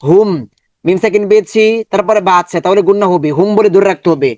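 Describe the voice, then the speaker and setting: A man with a Bangladeshi Bengali accent teaches recitation step by step, patient and repetitive as he drills each syllable. His voice sits fairly high, and the recording is close and dry, with no room sound. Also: fast, darkish tone, dry recording, dull audio. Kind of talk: step-by-step online lesson.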